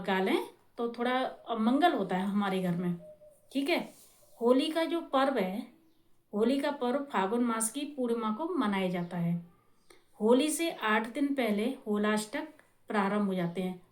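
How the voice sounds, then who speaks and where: Woman, explaining rituals, casual and repetitive, raised pitch, roomy echo. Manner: explanatory, repeats herself, checks in often with the listener. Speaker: presenter explaining festival rituals.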